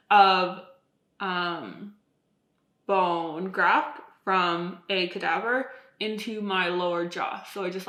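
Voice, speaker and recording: A woman's voice: mid-range voice, sharp tone. A woman in her twenties chatting casually and ramblingly to camera, with stiff-mouthed speech from swollen, numb lips like fresh lip filler. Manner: rambling, self-deprecating, frequent "like". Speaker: vlogger. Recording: echoey, roomy sound.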